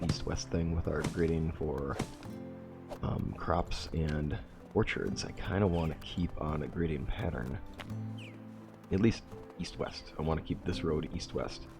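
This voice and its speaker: A let's play host with a deep, fry-laden voice gives casual gameplay commentary despite a stuffy nose from a cold. He thinks aloud as he reshapes his plans during the playthrough.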